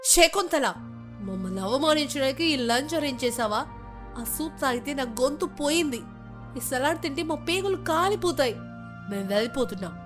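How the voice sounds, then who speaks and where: A woman voicing a snobbish, angry rich woman who scolds loudly. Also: on the high side, a little fast, over music, lightly acted. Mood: indignant. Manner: indignant, scolding.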